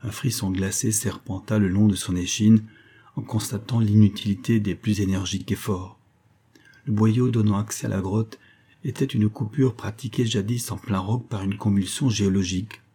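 A man reading a classic adventure novel aloud as a steady audiobook narrator. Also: on the low side, normal speed, slightly rough. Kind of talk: scripted narration.

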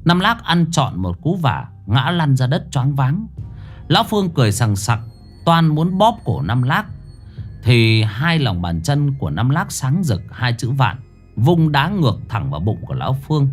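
A man narrating a ghost story in a dramatic, expressive way. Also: mid-range voice, normal speed, breathy edge. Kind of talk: scripted horror story narration. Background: faint music.

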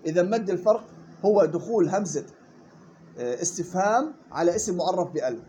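A man teaching Quran recitation rules. He models the words slowly and quizzes his students. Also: sits high, animated, warm tone, a little hiss or hum. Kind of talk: tajweed lesson.

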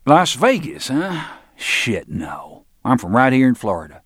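A man's voice: mid-range voice, huge pitch swings, a little slow, a bit bright, slightly rough, no room sound, clean studio sound, pitched above the performer's own voice, exaggerated voice. A man voicing a crude, boastful middle-aged swamp guide with a drawl and profane talk.

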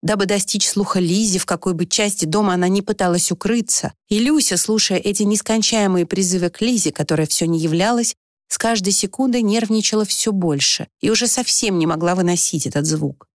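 A woman narrating an audiobook in an expressive reading style, lifting her voice in the tense moments. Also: fairly quick, dry recording, clean studio sound. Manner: expressive reading, rising pitch for the anxious heroine. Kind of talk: scripted narration.

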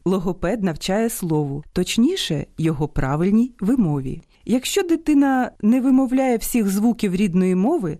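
A woman presenting an educational radio program, reading a clear, didactic script and slowing down to spell out word lists. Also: lowish voice, mellow.

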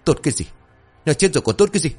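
A man's voice: on the low side, lively intonation, fast talker, husky, faint music behind. A man voicing a hot-tempered middle-aged father, bitter and threatening in his grief. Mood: furious.

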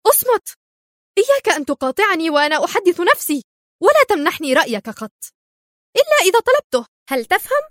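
A woman voicing a ruthless, quick-tempered female crime boss who snaps orders, in an audiobook. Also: fairly high pitch, lively intonation, no echo, studio quality. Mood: furious. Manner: sharp, imperious, snapping orders. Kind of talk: audiobook character voice.

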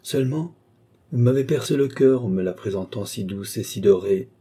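A man's voice: lowish voice, moderate pace, dark tone, slightly rough. A man reading an audiobook, voicing an eloquent middle-aged duke who pleads and declaims with fervour. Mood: impassioned.

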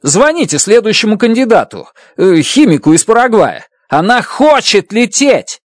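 A reader voicing a frightened male scientist who shouts and pleads in an audiobook. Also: medium pitch, big pitch swings, a little slow, no room sound, studio quality, voice pushed up. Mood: protesting. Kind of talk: audiobook character voice.

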